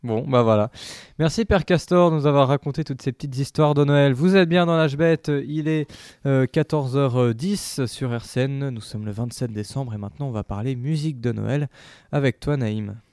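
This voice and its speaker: A young man hosts a casual radio show in a relaxed way, nodding along and keeping things moving. His voice is smooth and clear and is recorded close and dry. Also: medium pitch, normal speed, dry recording. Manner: relaxed, affirming. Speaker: radio host.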